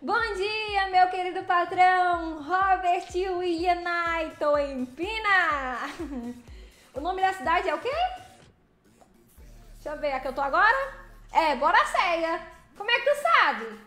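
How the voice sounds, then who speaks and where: A woman's voice: very high voice, a bit bright, roomy sound. A woman chatting casually on a livestream while driving, playfully greeting viewers by name. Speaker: livestreaming truck driver. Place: vehicle cab while driving.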